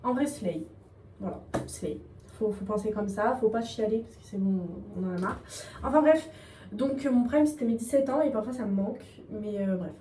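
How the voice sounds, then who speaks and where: A young woman's casual vlog, recorded at home while she gets ready, has her rambling and self-mocking in slang. Her voice is medium-pitched and dark, at a moderate pace. She's recorded from a distance, off-mic, in an echoey room with faint background noise.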